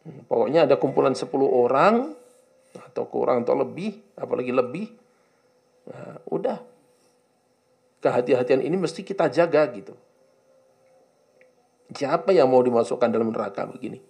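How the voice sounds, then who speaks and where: A man's voice: mid-range voice, lively intonation, moderate pace, creaky, pauses often, darkish tone. A man teaching a classroom lesson on an Arabic religious text, translating it line by line and coaxing his students to answer his questions. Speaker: Islamic teacher.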